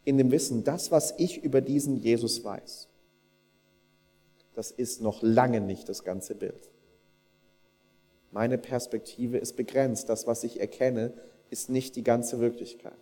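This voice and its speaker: A man's voice: medium pitch, measured pace, pauses often, dark tone, long reverb tail, faint music behind. A man preaching a conversational sermon, speaking directly to the congregation and acting out people's inner thoughts in quoted asides. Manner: conversational, addresses the congregation directly and polls them.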